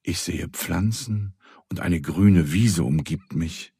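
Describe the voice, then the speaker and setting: A soft, wistful old carved house speaks in a children's storybook as a man puts it on. The voice stays low and husky, with a mellow tone. It is close and dry, with no room sound. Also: slow, dry recording, heavily acted. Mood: happy. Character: old carved meeting house, gentle and longing, male.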